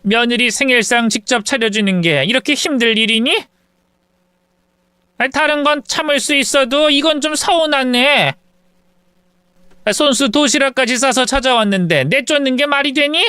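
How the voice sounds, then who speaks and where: A man's voice: extremely high pitch, moderate pace, pushed and bright, smooth, no echo, voice pushed up. A man voicing an indignant, stubborn middle-aged mother who scolds her son with exasperated questions in a storytelling reading. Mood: hurt.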